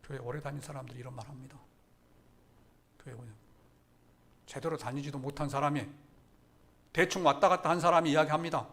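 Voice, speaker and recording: Fervent male pastor swinging loud to hushed. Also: on the high side, fairly even intonation, a little fast, long pauses. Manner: dramatic swings from loud emphatic declarations to hushed near-whispers; repeats key phrases for emphasis. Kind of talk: sermon.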